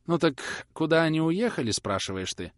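A man's voice: a little high, sing-song, moderate pace, dry recording, studio quality, voice pushed up. A man voicing a grasping, sly old woman who coaxes and snaps as she pries for secrets, in a storybook reading. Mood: prying. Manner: wheedling, coaxing, then snapping. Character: grasping sly old crone, prying and fierce.

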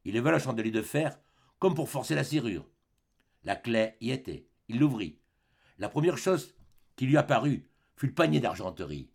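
A man narrates a classic novel as an audiobook, with measured, expressive storytelling. His voice is gravelly and a little husky, and his pitch moves widely from phrase to phrase. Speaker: audiobook reader.

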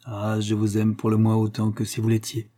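A male reader voicing a young noble gallant in love, speaking in a lively, playful way. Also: on the low side, moderate pace, lightly acted. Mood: tender.

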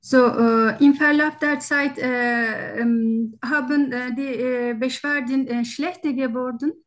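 In exam-practice role-play, a woman acting as a doctor takes a patient history in German, which is not her first language. She speaks with a foreign accent, hesitantly and politely, often searching for words in this halting, structured, formal interview. Her voice is high-pitched and slow with a steady tone.

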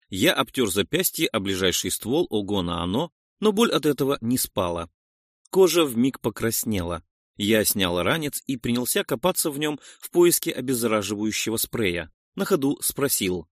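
A man reading an action audiobook in the first person with expressive narration. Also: medium pitch, no room sound, clean studio sound.

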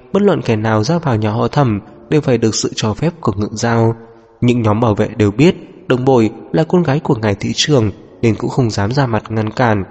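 A man narrating an audiobook novel in a steady, even storytelling manner. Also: mid-range voice. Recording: long reverb with background music.

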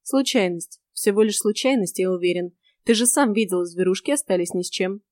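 A woman voicing a calm, alluring male vampire in an audiobook. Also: mid-range voice, a little fast, no room sound, studio quality, lightly acted. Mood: smooth. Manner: calm, alluring, irritated undertone. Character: smooth, seductive male vampire.

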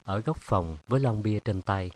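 A male narrator reading a novel aloud. His voice sits on the low side, and he keeps the telling steady and even. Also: normal speed, no echo. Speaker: audiobook narrator. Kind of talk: scripted narration.

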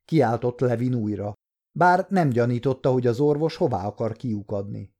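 A man narrating a short story as an audiobook reader, with a measured delivery. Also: medium pitch, mellow.

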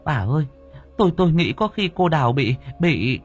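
A man's voice: a little high, sing-song, fast talker, mellow, breathy edge, lo-fi sound, faint music behind, voice pushed up. A man voicing a timid, superstitious old female cook who stammers with a shaky voice in a storybook reading. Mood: fearful.

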